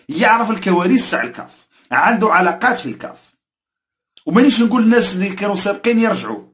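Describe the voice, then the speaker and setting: A man's voice: fairly high pitch, a bit bright. A man speaking with an Algerian Arabic accent, giving an emphatic football opinion rant to camera. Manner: emphatic, repetitive, indignant warnings. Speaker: football commentator.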